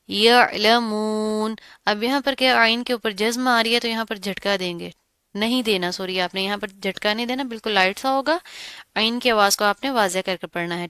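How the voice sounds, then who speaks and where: A woman teaching a Quran recitation lesson, explaining each rule step by step and repeating words slowly. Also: mid-range voice, pushed and bright, clean tone, no room sound, clean studio sound. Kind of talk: tajweed lesson.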